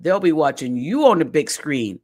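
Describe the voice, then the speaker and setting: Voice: mid-range voice, very animated, normal speed, a little mellow. Chatty host stumbling through a reading. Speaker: podcast host. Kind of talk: casual commentary, reading aloud from a web page.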